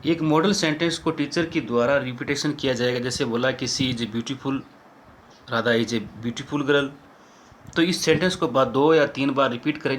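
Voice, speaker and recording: Guy teaching a class, explains stuff step by step, reads english examples slow, bit of hiss behind. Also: mid-range voice. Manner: explains in Hindi, reads English lines slowly. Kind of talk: lecture on English teaching methods.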